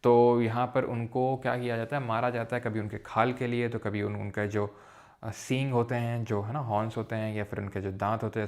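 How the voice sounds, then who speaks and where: A male teacher giving a recorded geography lecture in a casual, playful way, making jokes and memory tricks and mixing English terms into his speech. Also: lowish voice.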